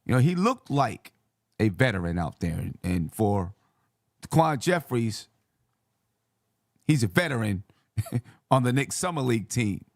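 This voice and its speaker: A man with a hoarse, creaky voice talks sports as a show host. His pitch jumps around in a lively way as he chats and repeats key phrases for emphasis. The recording is dry and close. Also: a little slow, pauses often, no echo. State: hoarse voice from yelling. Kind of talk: casual sports commentary.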